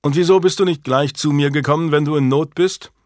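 A man's voice: on the high side, brisk, no echo, clean studio sound, pitched above the performer's own voice, lightly acted. A man voicing a hungry, ashamed fourteen-year-old noble boy who speaks formally and humbly in a storybook reading.

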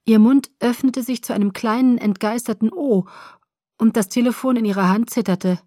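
A woman's voice: on the high side, moderate pace, dark tone, no echo. Woman narrating an audiobook, dry sound. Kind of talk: first-person audiobook narration.

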